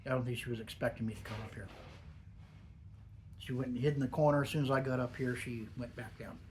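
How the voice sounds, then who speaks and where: A man's voice: medium pitch, steady tone, fast, a little hiss or hum. A man giving a casual, musing solo video review, talking with a lip full of dip. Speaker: product reviewer. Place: upstairs in a garage.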